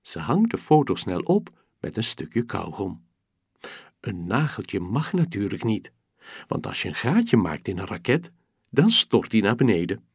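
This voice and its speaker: Slow, gently husky man telling a children's story. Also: fairly low pitch, sing-song, no echo, clean studio sound.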